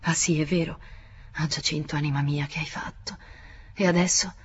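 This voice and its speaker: A woman reading the part of a feverish, guilt-ridden young man in a hushed, pleading voice. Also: low voice, steady tone, normal speed, breathy edge, dull audio. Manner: hushed, pleading, near-whispered.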